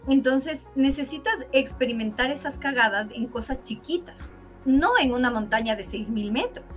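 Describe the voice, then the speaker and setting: A woman, telling a story as a guest in a conversational interview, animated and acting out quoted voices with exclamations. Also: high voice, moderate pace, faint music behind.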